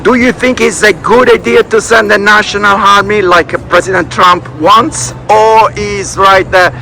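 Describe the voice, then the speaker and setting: A man with an Italian accent asking passers-by questions in a halting, searching way. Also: high voice, steady tone, creaky, faint music behind, rough recording. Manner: halting, searching for English words. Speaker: street interviewer. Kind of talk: street interview questions. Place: city street outdoors. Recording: loud street noise outdoors.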